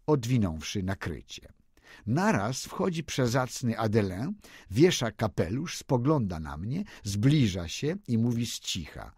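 A man reading a classic novel aloud as an audiobook, narrating in an impassioned, expressive way. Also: mid-range voice, slightly rough, no echo, clean studio sound. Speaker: audiobook reader. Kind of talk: dramatic literary reading.

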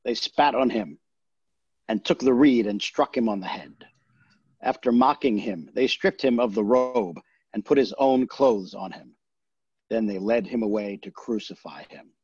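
Husky man reading scripture solemnly. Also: lowish voice, a little slow, darkish tone, dry recording, muffled recording. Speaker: scripture reader. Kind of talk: reading scripture aloud in worship.

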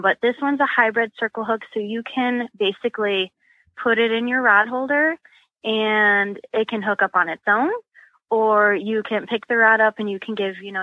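A woman's voice: medium pitch, no echo, narrow, tinny audio. A woman guest explaining catfish rigs and bait in a casual, practical way, full of ums and you-knows. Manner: chatty, practical, many fillers like um and you know. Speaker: guest, sponsored catfish angler.

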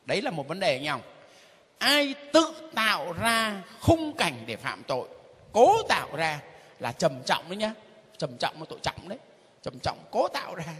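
A middle-aged man gives informal catechism teaching like a priest, his fairly high, husky, slightly bright voice echoing long through a hall. He is emphatic, hammering phrases repeatedly and chuckling between points, with big pitch swings from line to line at a normal speed.

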